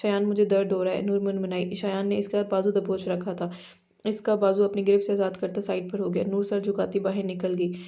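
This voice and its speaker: A woman narrating a romance novel aloud at a steady pace, with small slips and restarts. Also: medium pitch, brisk, lo-fi sound.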